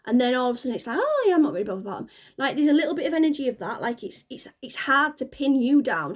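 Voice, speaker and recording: A woman giving a casual, rambling tarot reading, chatty and prone to giggles. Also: a little high. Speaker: tarot reader.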